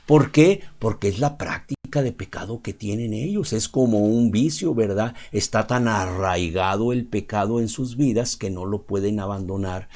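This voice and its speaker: A Mexican preacher with a low, darkish voice delivers an unscripted sermon in a loose, conversational way. He often checks in with his listeners, asking "¿verdad?" and pausing with "este."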